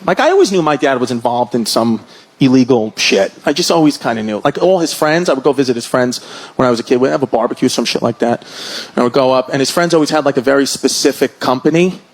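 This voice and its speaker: A man doing stand-up, telling energetic, profane stories and acting out the people in them, over a laughing club crowd. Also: medium pitch, quick pace. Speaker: stand-up comedian. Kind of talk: stand-up storytelling. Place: comedy club stage. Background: audience laughter.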